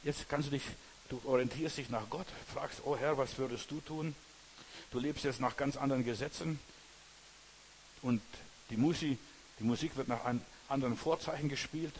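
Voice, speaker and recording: Speaking directly to the listener in an earnest sermon, a man keeps checking understanding with a repeated "verstehst du." His voice is mid-range at normal speed, on a low-quality recording with slight background noise.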